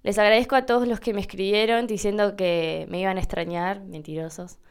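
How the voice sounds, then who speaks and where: An Argentine woman with a medium-pitched, steady, clean voice hosts a casual, chatty podcast teaching Spanish pronunciation. She talks briskly and demonstrates the sounds herself.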